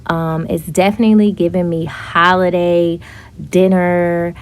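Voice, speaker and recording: A young woman narrating a casual makeup tutorial, chatty and relaxed, with frequent fillers. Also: fairly low pitch, measured pace, smooth. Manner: chatty, with frequent ums and likes. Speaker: beauty vlogger.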